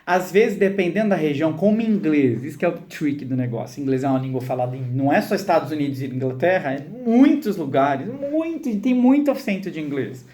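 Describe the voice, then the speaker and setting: A man with a high voice teaches an English class. He explains patiently and acts out short example dialogues to make each point. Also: lively intonation, fast, few pauses, warm tone. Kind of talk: live online English class.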